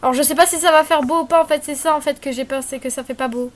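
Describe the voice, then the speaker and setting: A woman's voice: high-pitched, fairly even intonation, fast talker. A young woman talking through a screen-recorded tutorial in a chatty, rambling way, full of fillers and apologies. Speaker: tutorial maker. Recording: faint background noise and clicks.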